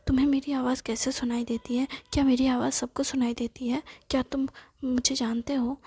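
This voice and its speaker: A chatty, self-admiring young ghost girl, as a woman puts her on in a whispered role-play. She fires off question after question in a breathy, high, fairly flat whisper. The tone is soft and dark. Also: heavily acted. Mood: curious. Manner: rapid questioning, insistent.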